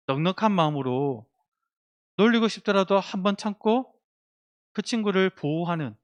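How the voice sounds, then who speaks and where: A male pastor giving a lively children's sermon, asking the kids questions and acting out what they might say. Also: fairly high pitch. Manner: animated, acts out children's voices, asks the kids questions.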